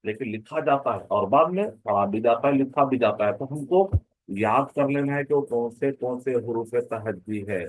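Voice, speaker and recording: A man's voice: lowish voice, darkish tone, dry recording, low-quality recording. Man teaching a grammar class. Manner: explanatory, repeats and asks rhetorical questions. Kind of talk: online class lecture.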